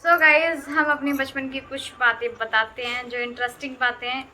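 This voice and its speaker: A woman's voice: sits high, level tone, normal speed, noisy background. A young woman chatting casually in her vlog, teasing and laughing often, recorded on a phone. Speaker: vlogger.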